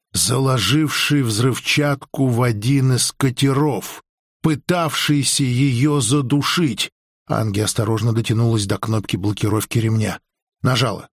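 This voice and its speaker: A man reading a science fiction story aloud in measured, even narration. His voice sits at a middling pitch. The recording is dry and close, with no room echo. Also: gravelly, breathy edge. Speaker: audiobook narrator. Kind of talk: scripted narration.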